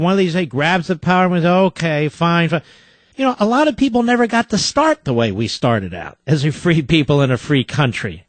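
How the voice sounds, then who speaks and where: A man's voice: a little high, dry recording. Emphatic male talk-radio host, dry studio sound. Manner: emphatic, opinionated, takes calls briskly.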